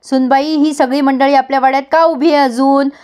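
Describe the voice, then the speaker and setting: A woman voicing a confused, irritable old man in his seventies who shouts and scolds in a retold serial. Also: high voice, fairly even intonation, fairly quick, close to an everyday voice. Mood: angry.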